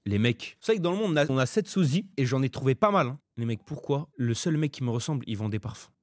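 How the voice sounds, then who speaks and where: A man in his twenties chatting casually on a live stream, bantering with his chat in quick slang. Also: medium pitch, animated.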